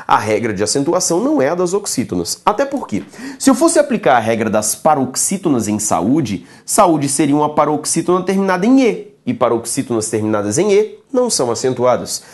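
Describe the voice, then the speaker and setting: A man's voice: on the high side, darkish tone. A man teaching a recorded grammar lecture, emphatic, keeps checking in with the listener and spells words out syllable by syllable.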